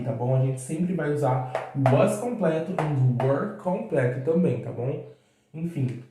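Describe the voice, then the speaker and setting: A man with a Brazilian Portuguese accent teaches English in a casual, chatty video lesson, drawing out words as he writes on the board. His voice is on the high side and mellow, recorded in a very echoey room with slight background noise.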